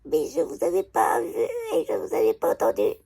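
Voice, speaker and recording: A woman's voice: very deep voice, animated, a little fast, mellow, husky, exaggerated voice. A woman putting on the small, meek voice of a rude woman in a retold street anecdote. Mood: mousy.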